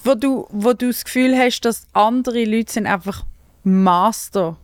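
A woman with a Swiss German accent, a stand-up comedian hosting a casual podcast chat, talking in an animated way and laughing often. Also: fairly high pitch, unhurried, dry recording, studio quality. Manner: chatty, animated, laughs often, loses her thread.

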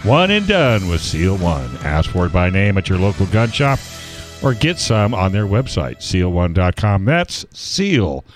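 A radio host delivers a chipper sponsor read in a low, animated voice. The man sells in a folksy, upbeat way, with music playing under him. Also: measured pace.

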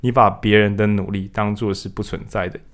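A man's voice: fairly low pitch, level tone, fairly quick. A man co-hosting a casual book discussion, acting out quotes in raised voices. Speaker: podcast co-host.

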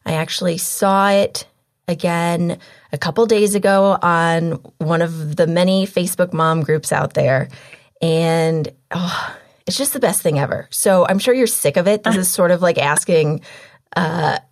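A woman in her thirties hosting a parenting podcast, chatty and informal with plenty of filler words, her voice a bit hoarse. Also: lowish voice, unhurried. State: slightly hoarse, losing her voice. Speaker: podcast host. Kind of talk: casual podcast chat and interview.

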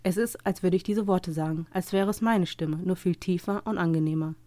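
Low, mellow woman reading a story. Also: fairly quick, no echo. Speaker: narrator. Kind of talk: scripted first-person story reading.

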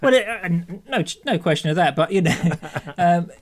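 A British man co-hosts a podcast in a casual chat, his high voice moving at a normal speed with lively intonation. He keeps restarting his phrases, hesitating and correcting himself, and his humour is dry.

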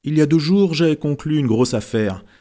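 A man's voice: on the high side, animated, moderate pace, warm tone, pitched above the performer's own voice, natural voice. A man voicing an arrogant, boastful wealthy painter who talks brashly and familiarly.

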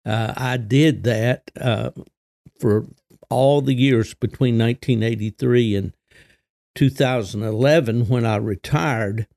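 An older man with a gravelly voice, hosting a solo podcast in a folksy, unhurried, conversational way. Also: mid-range voice, darkish tone, no echo, clean studio sound. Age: 60s or older. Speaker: podcast host.

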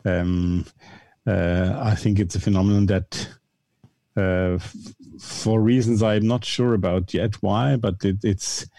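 A mature man answering interview questions in a measured, carefully qualified, conversational way. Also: lowish voice, steady tone, vocal fry, mellow, dry recording. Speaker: podcast guest, esotericism podcaster.

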